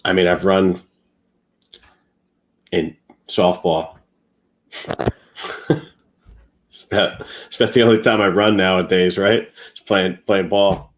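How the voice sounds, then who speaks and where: Easygoing man with a low voice. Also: fairly even intonation, slow, pauses often, rough recording. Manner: easygoing, joking. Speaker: podcast co-host. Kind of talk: casual chat.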